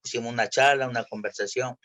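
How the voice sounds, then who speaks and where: A man from Peru, giving an earnest personal testimony in church, halting and full of restarts. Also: mid-range voice, steady tone, a bit bright. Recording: dull lo-fi church recording.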